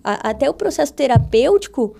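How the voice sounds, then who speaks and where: Brazilian woman guest, high and mellow, fry in the voice, animated storyteller who plays out every quote. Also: brisk. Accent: Brazilian Portuguese. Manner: animated, acts out quoted dialogue with her voice. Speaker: podcast guest. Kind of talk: testimony storytelling in a casual interview.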